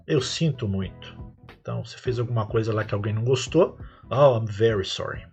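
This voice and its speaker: A man's voice: fairly low pitch, fairly quick, darkish tone, faint music behind. A man with a Brazilian Portuguese accent hosting a podcast lesson as an English teacher, explaining patiently step by step and lifting his voice on each English example phrase.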